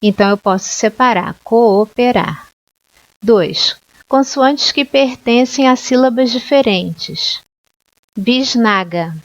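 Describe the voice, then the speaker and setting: A woman teacher walks through grammar rules at an unhurried pace, spelling out letters and repeating each example word. Her voice sits a little high. The recording is dry and somewhat dull. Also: no room sound. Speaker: Portuguese teacher. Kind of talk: slow, deliberate grammar lesson.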